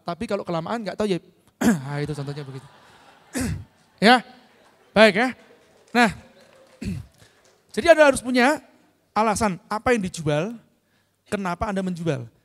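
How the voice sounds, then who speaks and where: High-voiced seminar speaker in a reverberant hall. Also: male voice. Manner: checks understanding with frequent tag questions; clears throat often. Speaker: business speaker. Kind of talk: motivational seminar talk.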